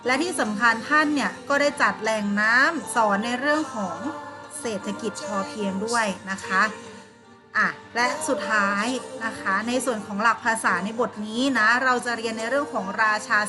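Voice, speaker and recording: Female teacher talking to kids, slightly high voice, music going under her. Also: moderate pace. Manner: patient, coaxing, asks pupils questions and answers them herself. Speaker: primary school teacher. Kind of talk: online classroom lesson.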